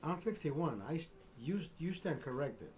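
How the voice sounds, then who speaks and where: A man's voice: fairly high pitch, lively intonation, unhurried, darkish tone. A man in his fifties hosting a live stream, telling a long dirty joke in loose, profane casual talk, often laughing and adding "bro" and "right?". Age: 50s. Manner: laughs often between lines.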